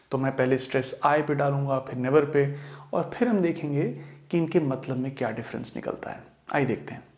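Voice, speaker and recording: A man with an Indian accent teaching an English lesson, speaking slowly and deliberately and stressing single words. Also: on the high side, echoey room. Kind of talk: Hindi-language English lesson.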